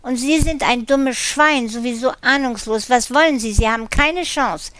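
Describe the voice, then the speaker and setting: A woman's voice: high voice, brisk, no room sound, voice pushed up, natural voice. A woman voicing a whiny, cornered older male art dealer in an audiobook reading, pleading and spiteful.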